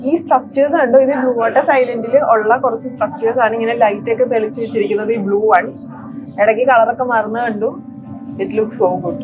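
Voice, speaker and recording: A woman's voice: on the high side, fairly even intonation, a little fast, low-quality recording. A woman with a Malayali accent giving casual travel vlog narration, switching between Malayalam and English mid-sentence. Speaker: travel vlogger. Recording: music under the voice.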